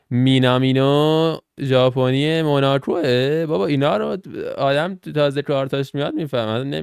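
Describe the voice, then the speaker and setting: Chatty young man, gravelly voice. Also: mid-range voice, darkish tone, dry recording, studio quality. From Iran. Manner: chatty, slangy, thinks aloud while reacting to game cards. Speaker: gaming channel host. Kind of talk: casual gameplay commentary.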